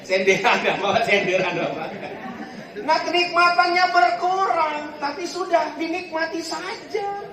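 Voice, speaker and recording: A man's voice: very high-pitched, expressive, measured pace. A man giving a humorous sermon at a community gathering, who keeps asking the crowd for agreement. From Palembang, Indonesia. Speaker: preacher. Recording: echoey hall, distant mic, crowd.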